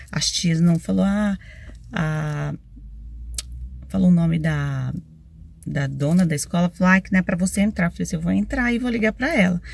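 A woman's voice: lowish voice, vocal fry. A young mother from Brazil chatting casually to viewers in a phone vlog, confiding and talkative. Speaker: vlogger mother. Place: on the go outdoors and in a car, rainy day.

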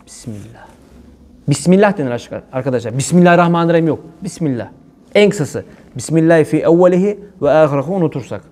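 A man hosting an informal religious talk, joking and lively, slipping into playful quoted voices. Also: fairly high pitch.

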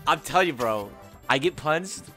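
A young man chatting excitedly with friends while playing an online game, laughing and swinging from mutters to shouts. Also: on the high side, normal speed, faint music behind. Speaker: gaming YouTuber. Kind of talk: excited gameplay chat with friends.

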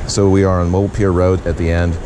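A man hosting his own news channel, narrating casually on scene outdoors with a handheld action camera, relaxed and full of fillers and restarts. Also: sits low, fast, noisy background. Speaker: news videographer and show host. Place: outdoors on a windy beach bluff.

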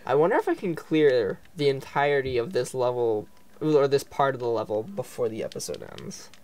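A man's voice: mid-range voice, lively intonation, brisk, a little mellow. A man giving chatty, slangy gameplay commentary as he plays, swearing freely. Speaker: gamer playing and commentating.

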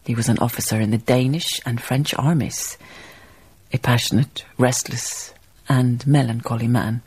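In a radio drama, an actress voices a melancholy, reflective Danish baroness who recounts her life slowly and musingly in a literary style, her voice husky and breathy. The pitch is extremely low, the intonation fairly even and the tone darkish, with an exaggerated delivery and a wistful mood.

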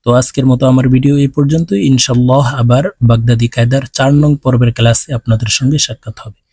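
A man with a Bangladeshi Bengali accent, teaching Quran letter sounds by slowly chanting syllables and then explaining them plainly. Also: mid-range voice, fairly even intonation, darkish tone, slightly rough, dry recording. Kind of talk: slow drilled recitation lesson.

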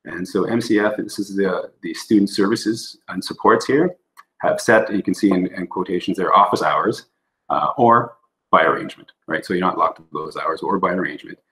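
Low-voiced man presenting on a video call. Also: normal speed, bright, forceful tone, rough recording. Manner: explanatory, with frequent fillers and restarts. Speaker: school board administrator presenting. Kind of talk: presentation at a remote board meeting. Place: indoor room on a video call.

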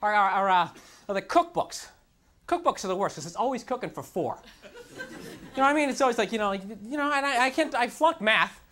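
A young man doing a stand-up routine on a TV studio stage, exasperated and self-mocking, jumping up into high mocking voices. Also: very animated, fairly quick. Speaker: stand-up comedian. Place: TV studio stage with live audience. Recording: noisy, with loud audience laughter.

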